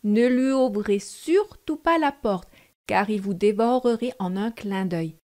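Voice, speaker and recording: A woman's voice: mid-range voice, a little slow, darkish tone, close to an everyday voice. A woman voicing a protective mother goat warning her kids, in a storybook reading. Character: anxious caring mother goat.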